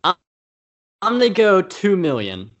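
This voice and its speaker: A man's voice: high-pitched, wildly swooping pitch, a little slow, muffled recording. A man co-hosting a film podcast, talking casually and rambling with many fillers and restarts. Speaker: podcast co-host. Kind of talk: casual film-review chat.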